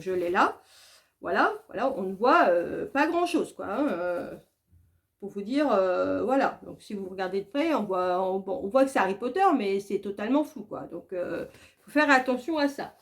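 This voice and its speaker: A woman hosting a craft tutorial, chatty and full of hesitant fillers and restarts. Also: mid-range voice. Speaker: craft video host. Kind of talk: casual tutorial talk.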